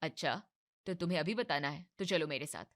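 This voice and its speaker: Brisk and with lively intonation, a woman voices a young husband caught between his wife and mother in a cartoon family drama. He is soothing and evasive, and she renders him in a soft, lower, placating voice.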